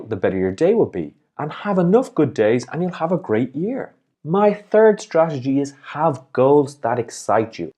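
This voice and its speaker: Male motivational coach, cheerful and encouraging, very animated intonation. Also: a little high, slightly rough. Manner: upbeat, encouraging, smiling as he speaks. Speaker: life and business coach, host. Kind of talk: motivational video talk.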